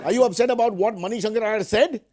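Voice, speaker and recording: A man's voice: high voice, fast, darkish tone. A man with an Indian accent hosting as a parody news anchor, mock-serious with sarcastic asides. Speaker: host of a news satire show.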